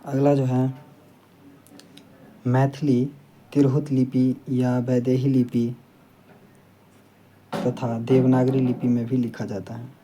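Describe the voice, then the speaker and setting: Male tutor, very dark and mellow tone, monotone delivery, repeats facts for memorizing, faint room noise. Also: medium pitch, slow pace, pauses often. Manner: repeats key points for students to memorize; plain, steady explaining with frequent "ठीक है". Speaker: teacher. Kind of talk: classroom lesson.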